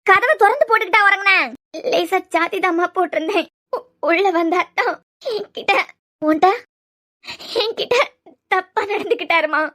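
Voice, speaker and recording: A woman's voice: extremely high pitch, fast talker, sharp tone. Woman voicing a despairing young bride-to-be. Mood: tearful. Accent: Kanyakumari Tamil. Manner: tearful, despairing. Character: distraught young woman, newly engaged. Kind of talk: cartoon serial voice acting.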